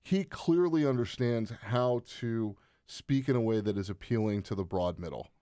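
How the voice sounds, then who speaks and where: A man's voice: mid-range voice, expressive, mellow, no echo, clean studio sound. Man hosting a political talk show. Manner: conversational, drawn-out questions with fillers. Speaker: podcast host.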